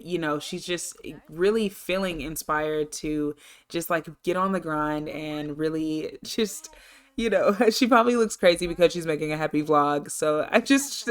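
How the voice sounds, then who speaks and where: Chatty lady rambling thru her life-sim game, pretty low voice, upbeat. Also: clear, resonant tone. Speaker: gameplay narrator. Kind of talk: casual let's-play narration.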